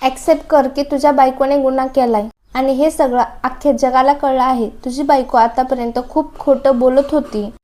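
A woman reading the lines of a stern elder brother who scolds his younger sibling, in her own high voice. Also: fairly even intonation, normal speed, hardly any pauses, dark tone, close to an everyday voice. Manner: firm, scolding.

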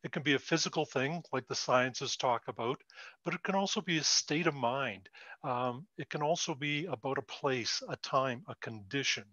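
A man from Canada, a guest on a live stream, explaining ideas in a measured, plainspoken way. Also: medium pitch, pushed and bright, dry recording, lo-fi sound. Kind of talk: casual interview.

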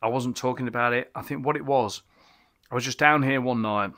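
Middle-aged man, bright tone, enthusiastic rambling beer review, small home bar, camera mic. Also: medium pitch, fairly quick. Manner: enthusiastic, rambling, many restarts and exclamations. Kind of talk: casual beer review vlog. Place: small home bar cabin with bottle shelves, indoors.

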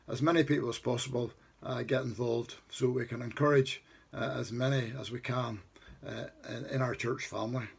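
An older man leading a church service from his study, talking calmly with frequent hesitations. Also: medium pitch, vocal fry. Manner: calm, measured, with frequent hesitations. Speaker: church leader leading worship. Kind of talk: church announcements and devotional talk. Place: home study with bookshelves. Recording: echoey with long reverb.

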